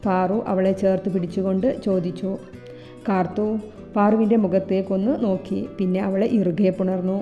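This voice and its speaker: A woman narrating a romantic audio novel, reading every character's lines in a steady storytelling voice. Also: mid-range voice, lo-fi sound. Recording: long hall reverb with soft instrumental music.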